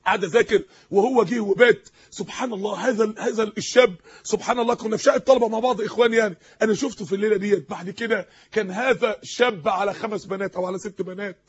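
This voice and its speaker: A man with an Egyptian Arabic accent preaching an emotional, impassioned sermon that rises to shouts, on a dull lo-fi recording. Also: high-pitched, rapid-fire, hardly any pauses, husky.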